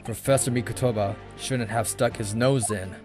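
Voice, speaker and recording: A man's voice: mid-range voice, steady tone, moderate pace, music in the background, pitched below the performer's own voice, close to an everyday voice. A man voicing a proud, self-assured young male defense advocate in a video game, firm and reproachful. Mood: hurt, firm.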